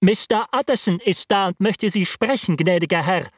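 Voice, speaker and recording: A man reading the part of an anxious, loyal older male butler, speaking in an urgent, hushed and insistent way. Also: high-pitched, normal speed, no echo, clean studio sound, voice pushed up.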